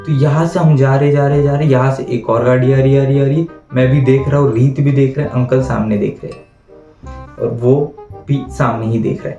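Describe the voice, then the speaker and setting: A young man spins a casual storytime tale, chatty and slipping in English phrases. His voice is mellow and rounded. The recording is roomy and a bit dull, with soft guitar music underneath. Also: normal speed. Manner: chatty, mixes in English phrases, grows animated and higher at the tense moments. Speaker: storytelling vlogger.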